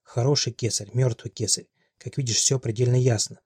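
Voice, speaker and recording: A man's voice: mid-range voice, steady tone, a little fast, a little mellow, breathy edge, no echo, close to an everyday voice. A male reader voicing a cold, sardonic young princess who speaks curtly and dryly. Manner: dry, curt, sardonic. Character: cold, haughty young woman, a cursed princess.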